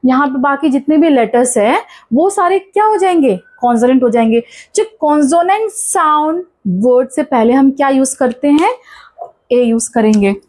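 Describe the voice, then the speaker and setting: A woman's voice: high-pitched, expressive, normal speed, darkish tone. A woman with an Indian accent teaching English grammar, asking questions and answering them herself and repeating key points. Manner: mixes Hindi with English terms. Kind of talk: classroom-style grammar lesson.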